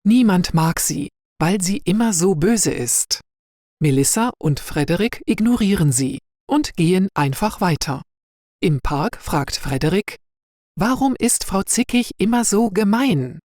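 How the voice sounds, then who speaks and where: A woman narrating a story slowly and clearly for language learners. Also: fairly low pitch, animated, a little mellow, no room sound, clean studio sound. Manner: clear and deliberate.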